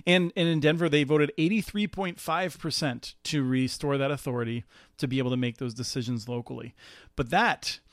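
Brief: eager mid-pitched man, podcast policy talk, dead-dry booth sound. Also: moderate pace, dry recording. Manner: enthusiastic, many restarts and laughs. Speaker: policy researcher guest. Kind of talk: casual podcast discussion.

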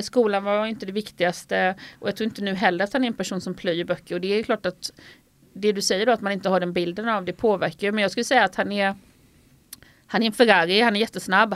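In this interview conversation, a middle-aged woman from Sweden who works as a sports journalist speaks in a mid-range voice without echo. She is forthright and lively, telling anecdotes as a guest.

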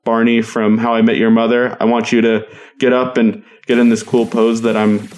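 A man's voice: mid-range voice, completely flat delivery, moderate pace, darkish tone. A man in his thirties hosting a podcast solo, talking casually and motivationally to the listener. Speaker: podcast host.

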